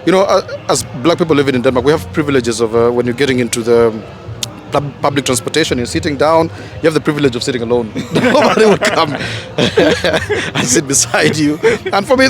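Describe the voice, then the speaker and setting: A man's voice: on the high side, a little fast, faint music behind. A man from Kenya chatting in a street interview outdoors, rambling with lots of ums and uhs, into a handheld mic. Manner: rambling, many fillers, lively. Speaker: interviewee, music producer. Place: outdoors in a park. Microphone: handheld mic held by interviewer.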